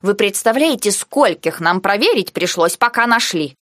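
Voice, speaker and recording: A woman reading the part of a proud, buxom maid with rustic, drawn-out speech. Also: mid-range voice, expressive, a bit bright, dry recording, clean studio sound, natural voice.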